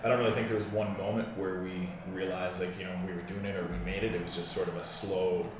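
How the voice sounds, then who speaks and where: Guy w chatting in an interview, low voice, really echoey and far from mic. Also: level tone, fast talker. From Newfoundland, Canada. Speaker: guest, physiotherapist. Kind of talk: conversational interview. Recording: echoey, distant mic, noisy room.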